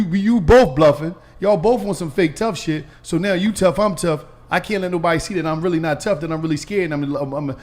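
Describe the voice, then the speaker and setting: Man with a high voice, podcast host, casual storytelling, animated, laughing as he talks. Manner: animated, laughing, acts out his own scared voice.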